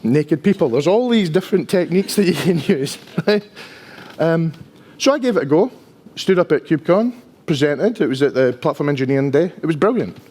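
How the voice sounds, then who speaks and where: A man's voice: fairly high pitch, animated, fairly quick, darkish tone. A man in his fifties from Dundee with a strong Dundonian Scottish accent, giving an informal, chatty, self-deprecating conference presentation. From Dundee, Scotland. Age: 50s. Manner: chatty, self-deprecating, often tags sentences with "right?". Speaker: conference speaker, IT engineer.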